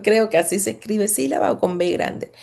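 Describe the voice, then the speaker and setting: A woman's voice: medium pitch, steady tone, moderate pace, gravelly, dark tone. A woman giving a religious lesson, explaining patiently, repeating phrases and often checking in with the listener. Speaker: religious teacher.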